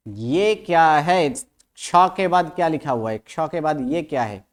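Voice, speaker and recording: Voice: medium pitch, expressive, measured pace. A teacher giving an online language lesson, who keeps asking the class questions and repeats each sound aloud to drill pronunciation.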